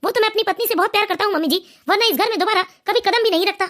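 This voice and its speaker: A woman's voice: very high-pitched, very fast, a bit bright. A woman voicing a smug, mocking young son-in-law in a cartoon family story. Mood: sneering.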